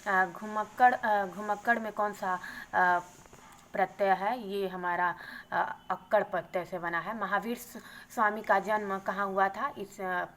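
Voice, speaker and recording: A woman teacher going briskly through exam questions and their answers, adding a quick "okay" after each answer. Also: medium pitch, fairly even intonation, a bit bright, a little hiss or hum, low-quality recording. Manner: brisk, adds "theek hai" after answers.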